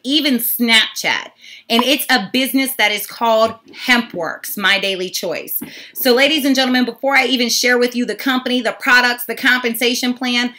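A woman from the Pittsburgh area giving a hyped, upbeat sales presentation to an online audience. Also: on the high side. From Pittsburgh, Pennsylvania area. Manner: hyped, upbeat, repeats "super excited". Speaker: network marketing presenter.

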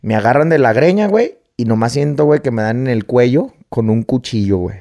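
A man's voice: mid-range voice, expressive, brisk, mellow. A man with a Mexican accent, a guest telling a personal story casually, swearing freely and peppering every phrase with slang.

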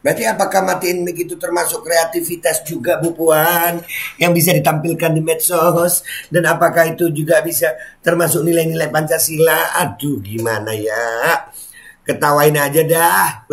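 A man's voice: on the high side, gravelly. A man chatting casually as he reads viewer comments aloud and reacts to them with frequent exclamations.

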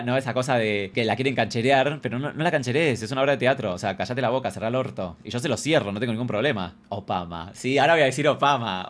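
A young adult man with an Argentine accent, chatting casually and animatedly with viewers, full of slang. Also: mid-range voice. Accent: Argentine Spanish. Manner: rapid, animated, slangy and expressive. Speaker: comedian streamer.

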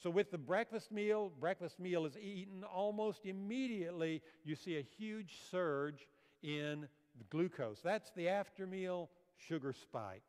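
An older man stands on a church auditorium stage giving a health seminar lecture, explaining slides and asking the audience questions. His high-pitched voice is clear and resonant with a darkish tone, delivered at a measured pace. Long hall reverb surrounds the recording.

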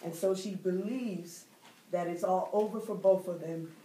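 A woman's voice: fairly low pitch, steady tone, mellow, slight background noise. A middle-aged woman teaching a Bible study as a preacher, drawing out key words and calling for responses from the room. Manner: call-and-response preaching with drawn-out emphasis. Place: church library room with bookshelves. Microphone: far camera, no mic. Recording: echoey room from far off.

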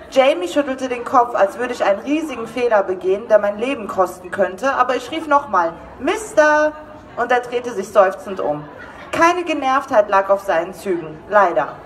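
A woman author giving a live reading from her romance novel, lively and laughing, sometimes losing her place. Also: a little high, recorded from a distance. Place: event hall.

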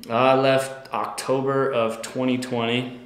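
A man's voice: medium pitch, little pitch movement, slow, crowd noise. Twenties guy from montana, casual interview, lots of ums and restarts, echoey room. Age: 20s. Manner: hesitant, many fillers and restarts. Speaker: guest. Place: lounge room indoors.

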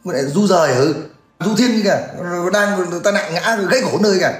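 A man's voice: sits high, fast. A man, ranting crudely and mockingly in a livestream. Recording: echoey room with faint music.

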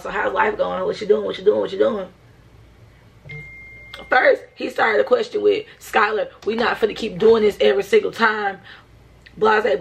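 A woman's voice: mid-range voice, vocal fry. A young woman vlogging to the camera while she does her makeup. She talks bluntly in slang, swears freely and laughs between lines. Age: young adult. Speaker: college vlogger. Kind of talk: casual vlog talk to camera. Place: indoors at home, doing makeup.

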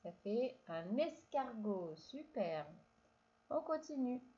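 Slow patient woman teacher, lo-fi. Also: on the high side, big pitch swings, dark tone. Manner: slow, patient, drawn-out syllables, addresses child directly. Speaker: primary school teacher. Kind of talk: reading lesson for young children.

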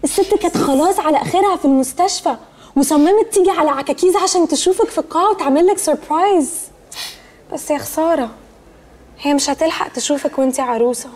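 An actress playing a catty, gushing young socialite with an Egyptian accent and affected English-sprinkled speech in a comedy series. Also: female voice, high voice, fast, a little mellow, close to an everyday voice. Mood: gushing, needling. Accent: Egyptian Arabic. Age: young adult.

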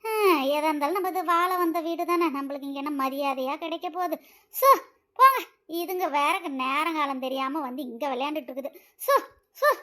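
A woman's voice: high voice, lively intonation, fairly quick, sharp tone. A woman voicing a tired, put-upon young wife in a cartoon, pleading and patient. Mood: grumbling. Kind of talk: cartoon voice acting.

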